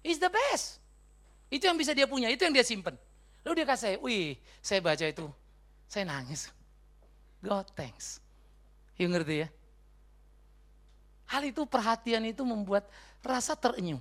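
Man, middle-aged, pastor, sermon, animated storytelling, lively pitch, English words mixed in. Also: moderate pace, long pauses. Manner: animated, acts out voices in anecdotes, mixes in English words.

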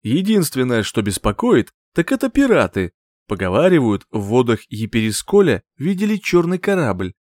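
A man reading an audiobook, voicing a brisk, courteous older sea captain who reports in a formal way. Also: mid-range voice, very animated, a little mellow, no echo, studio quality, lightly acted. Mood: cautious.

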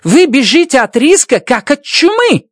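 Reader putting on a stern mission chief woman, domineering, shouting, lively pitch, dry sound. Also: moderate pace, dry recording, lightly acted. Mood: scornful. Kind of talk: audiobook character voice.

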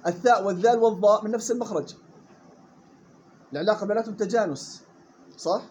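Fast, high-voiced man teaching tajweed. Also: a little mellow, slight background noise. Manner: explains rules, models recitation slowly, quizzes students. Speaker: Quran recitation teacher. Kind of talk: tajweed lesson.

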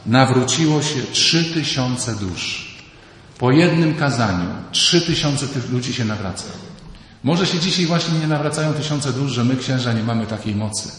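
A priest preaching a retreat sermon in a large church, lively, acting out everyday voices. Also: male voice, mid-range voice, normal speed. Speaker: priest giving a retreat talk. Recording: echoey hall, distant mic.

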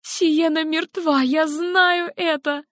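A woman's voice: very high-pitched, fairly even intonation, slow, fairly bright tone, dry recording, clean studio sound, pitched above the performer's own voice, full character voice. A woman reading an audiobook, voicing a frantic, grieving young mother who is near-hysterical and sobbing.

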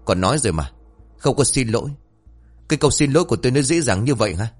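A man's voice: medium pitch, expressive, fast, husky, soft background music. A man voicing a stubborn, arrogant middle-aged father who dismisses complaints. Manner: dismissive, blustering.

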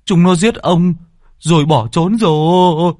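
A man's voice: sits high, takes it slowly, darkish tone, no echo, clean studio sound, voice pushed up. A man voicing a panicked male servant crying out in fretful alarm, in a horror story reading. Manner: breathless fretful outcry.

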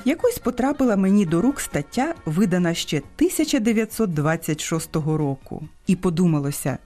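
A woman's voice: on the low side, a little fast, soft background music. A woman with a Ukrainian accent hosting a scripted radio talk on language, teaching in a didactic way and stressing her examples. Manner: didactic, lively intonation with emphatic examples. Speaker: radio host.

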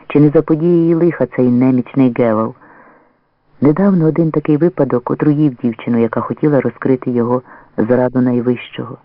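A man's voice: mid-range voice, no echo. Male audiobook narrator, dry tinny sound. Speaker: audiobook reader. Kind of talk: scripted first-person narration. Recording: dry, narrow phone-like lo-fi sound.

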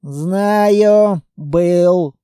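Man as gruff barking squad chief, dark slow delivery. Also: sits high, dry recording, clean studio sound. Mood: commanding. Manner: barking orders loudly. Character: gruff commanding male militia squad leader.

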